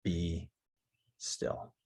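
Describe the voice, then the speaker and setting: A man acting as teacher leads a guided yoga nidra meditation. He talks softly and calmly, using short phrases and long pauses.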